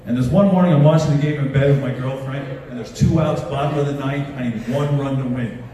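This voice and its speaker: A stand-up comedian with a medium-pitched, dark voice and a fairly quick pace performs a crude, self-mocking set, telling stories and laughing along. He's in a large hall with a live audience, recorded from far off with lots of echo.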